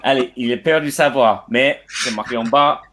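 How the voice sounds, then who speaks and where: A native English-speaking man hosting a casual live stream in halting French, with an English accent and grammatical slips. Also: medium pitch, noisy background.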